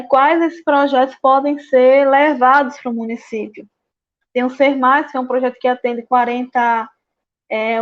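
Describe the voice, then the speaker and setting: Woman, slide presentation, lots of fillers, high voice, muffled lo-fi audio. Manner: frequent "né" and "é" fillers, halting restarts. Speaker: guest speaker on waste management. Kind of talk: slide presentation at a public event. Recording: dull lo-fi sound.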